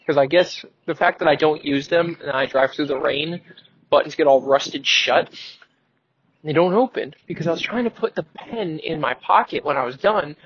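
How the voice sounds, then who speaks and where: A young man in his early twenties talks to himself in a casual solo vlog, thinking aloud with a wry, self-mocking edge. His voice sits a bit high for a man. The recording is dull and lo-fi, as if captured in a car. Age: 20s. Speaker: podcast host. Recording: dull lo-fi sound.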